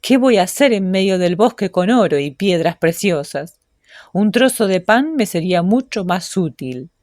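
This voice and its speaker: A woman's voice: mid-range voice, expressive, moderate pace, a little mellow, dry recording, clean studio sound, close to an everyday voice. A woman voicing a poor, hungry duke who mutters his weary thoughts aloud in a storybook reading. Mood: weary, wistful. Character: poor hungry duke, grown man, wistful.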